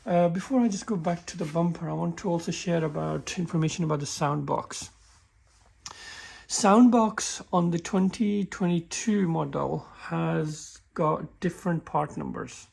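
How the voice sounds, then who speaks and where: A man talks through a car repair in a workshop, his voice deeply gravelly and husky. He stumbles and restarts sentences often as he shows the parts, keeping an unhurried, casual tone. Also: a little mellow. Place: workshop with a work table.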